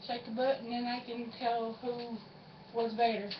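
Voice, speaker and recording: A woman's voice: on the high side, little pitch movement, normal speed. A woman co-hosting a casual challenge vlog, bantering in a playful, teasing, informal way. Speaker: co-host of a challenge video. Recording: roomy, distant, muffled with clear noise.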